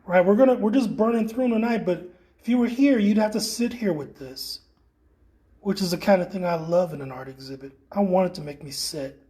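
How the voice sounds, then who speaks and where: A man guiding a live tour through an indoor art exhibit, talking in a relaxed, rambling way with many fillers. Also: high voice, fairly quick. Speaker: tour guide. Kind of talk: casual guided gallery tour.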